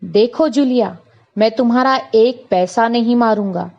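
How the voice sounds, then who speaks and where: A woman's voice: fairly high pitch, a little slow, gravelly. A woman doing a stern angry male employer. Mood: firm lecturing. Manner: loud, raised, indignant lecturing. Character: stern middle-aged male employer, scolding. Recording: dull lo-fi recording.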